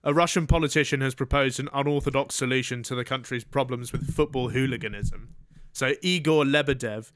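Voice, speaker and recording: A man's voice: mid-range voice, fairly bright tone, dry recording, studio quality. A young man co-hosting a comedy radio-style podcast, reading news items and adding sarcastic jokes. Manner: joking, reads news items with sarcastic asides. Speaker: co-host. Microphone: studio microphone.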